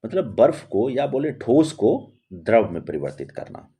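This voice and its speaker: A man's voice: mid-range voice, very animated, moderate pace, warm tone, slightly rough. A man teaching chemistry in a lesson, repeating key terms word by word and answering his own rhetorical questions. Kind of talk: classroom-style lesson explanation.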